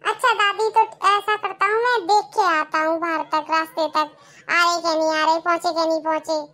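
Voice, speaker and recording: A woman's voice: very high voice, steady tone, brisk, bright, forceful tone. A woman voicing an eager, cheeky young village groom in a cartoon. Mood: impatient. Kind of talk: cartoon dialogue.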